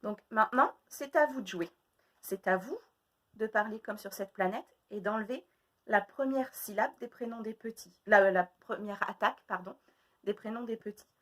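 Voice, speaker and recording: A woman teaching a phonics lesson to young children, speaking slowly and repeating each sound and word deliberately. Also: mid-range voice, a bit bright.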